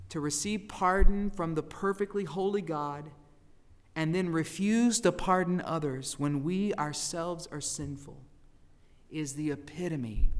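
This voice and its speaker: Male pastor, sermon, animated, acted-out quotes, loud then hushed, slightly high voice, long hall reverb. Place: church sanctuary.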